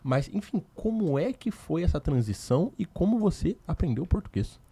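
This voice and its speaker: Teacher guy hosting a podcast, bouncy lively voice, super dry close sound. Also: on the high side, normal speed, husky, no room sound. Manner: enthusiastic, explains with examples. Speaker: podcast host, language teacher. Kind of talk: casual interview.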